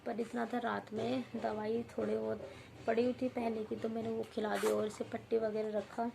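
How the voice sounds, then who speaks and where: A young mother with a hoarse voice, tearfully vlogging about her sick baby. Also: fairly high pitch, level tone, moderate pace, background noise. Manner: tearful, worried, talking softly to her baby. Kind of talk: emotional home vlog.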